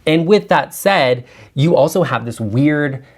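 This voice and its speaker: A man's voice: on the high side, lively intonation, unhurried. A man hosting a design video, chatting frankly and with strong opinions about bathrooms he is looking at. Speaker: interior designer and channel host. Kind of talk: casual design commentary.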